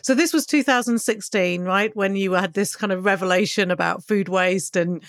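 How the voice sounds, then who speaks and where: Podcast host, woman, upbeat and brisk, clean dry voice. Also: mid-range voice, no echo. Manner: upbeat, brisk introductions, frequent "brilliant". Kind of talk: casual interview.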